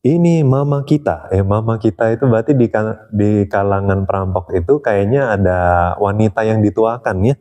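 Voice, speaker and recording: Low, mellow man telling a story. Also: fairly even intonation, normal speed, hardly any pauses. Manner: chatty, tags sentences with "ya", chuckles. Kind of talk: casual religious storytelling.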